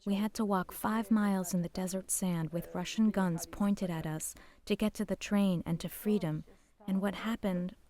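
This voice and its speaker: Older woman giving halting testimony. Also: mid-range voice, fairly even intonation, warm tone. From Poland. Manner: halting, emotional, drops to whispers at painful moments. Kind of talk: personal testimony.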